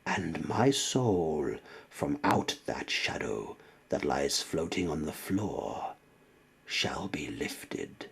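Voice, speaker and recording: Slow, husky man reciting Gothic verse. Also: rumbling low, very animated, whispered. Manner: brooding, theatrical, deliberate pauses. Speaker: poetry reader.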